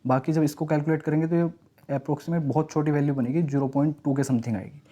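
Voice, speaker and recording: Mellow-voiced man teaching math. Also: on the high side, steady tone. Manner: explains step by step, often asks and answers himself; reads English question text slowly, then explains it in Hindi. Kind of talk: exam-prep math lesson.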